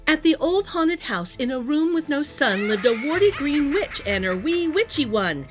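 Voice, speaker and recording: A woman reading a children's picture book aloud in an animated, sing-song storytelling manner. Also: sits high, moderate pace. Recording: music playing behind the voice. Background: music.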